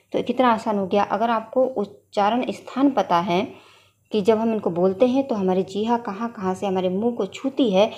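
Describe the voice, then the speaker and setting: A middle-aged woman gives an online grammar lesson at an ordinary middle pitch. She is patient and drills syllables one at a time, asking the children to say them along with her. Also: a little mellow. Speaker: Hindi grammar teacher.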